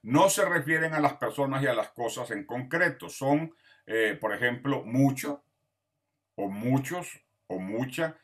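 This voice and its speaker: Over a video call, a man with a mid-range voice, lively intonation and measured pace teaches a grammar class online. He patiently lists words one by one, checks in with students, and often asks "¿verdad?".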